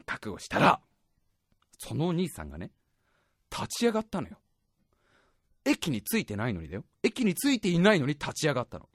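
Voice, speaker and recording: A man hosting a show, telling a comic story in an animated, self-mocking way and often laughing as he talks. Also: mid-range voice, no room sound, clean studio sound.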